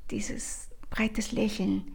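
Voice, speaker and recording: A woman's voice: medium pitch, flat delivery, extremely slow, vocal fry, darkish tone, breathy edge, in a whisper. A woman, a language teacher hosting her own podcast and telling stories in an enthusiastic, chatty way with many fillers. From Chile. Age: 50s. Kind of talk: casual podcast monologue.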